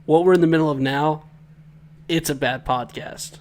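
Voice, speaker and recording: Man, higher-pitched voice, podcast co-host, casual recap banter, joking, teasing, sweary. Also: moderate pace, a little mellow, a little hiss or hum.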